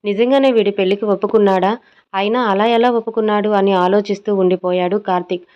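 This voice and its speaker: A woman storyteller giving scripted narration of a romance serial in a steady, even way. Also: mid-range voice, fast. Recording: dull lo-fi audio.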